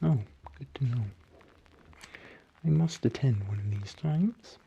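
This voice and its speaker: Kermit the Frog, dark hushed ASMR murmur. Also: medium pitch, animated, creaky, muffled recording, a little hiss or hum. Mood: gentle, encouraging. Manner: soothing, fussy, halting murmur with oohs and hmms. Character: Kermit the Frog, gentle excitable male puppet frog hairdresser. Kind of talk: ASMR roleplay, soft whispery murmur.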